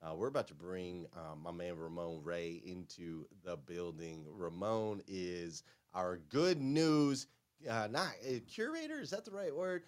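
Man, slightly low pitch, upbeat and animated, informal motivational chat, morning show host. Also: a little slow.

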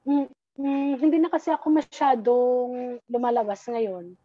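A woman's voice: fairly high pitch, measured pace, mellow, no echo, highs cut off. A woman telling a childhood ghost story in casual conversation, hesitant and full of restarts, with English words mixed in. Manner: hesitant, many restarts, mixes English into Tagalog.

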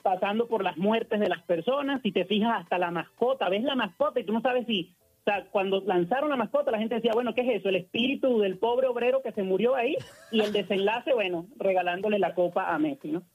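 A man's voice: high-pitched, fairly quick, husky, no echo. Venezuelan man calling in over a phone line. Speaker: caller. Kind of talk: casual phone call to a sports show.

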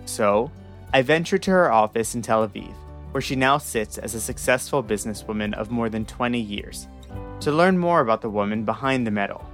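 Young male podcast host; reflective scripted narration, steady pitch, faint guitar bed underneath. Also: brisk. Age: 20s. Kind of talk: scripted narration over music, then interviewing.

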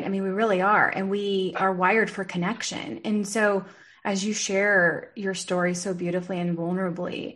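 A woman interviewing a guest, responding in an affirming, reflective way. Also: on the low side.

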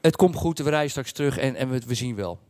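A man telling a casual anecdote in a colloquial, blunt and animated way, acting out bits as he goes. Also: medium pitch, quick pace, no echo, studio quality. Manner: acts out dialogue and sound effects. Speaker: storyteller recounting his travel experience.

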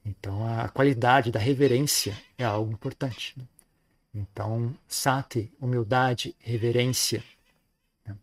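A man giving a Buddhist dharma talk in a relaxed, conversational way, often ending phrases with a questioning tag. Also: medium pitch, measured pace. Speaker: Buddhist teacher.

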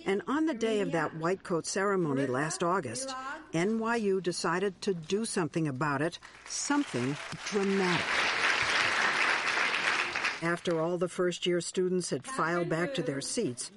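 A woman correspondent narrating a news segment in a measured, scripted way. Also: fairly low pitch, expressive, a loud crowd.

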